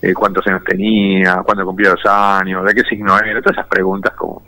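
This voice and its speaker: Bright-voiced man in his fifties from Argentina. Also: low voice, level tone, dry recording, low-quality recording. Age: 50s. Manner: reflective storytelling, unhurried. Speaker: war veteran interviewee. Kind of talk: personal testimony in an interview.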